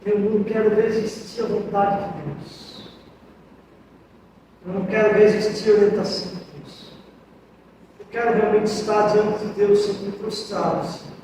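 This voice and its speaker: A man preaching a sermon as pastor, impassioned, swinging between loud cries and hushed pleas. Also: high-pitched, little pitch movement, measured pace, long pauses, far from the mic, background noise. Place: church sanctuary. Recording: echoey church hall, mic heard from afar.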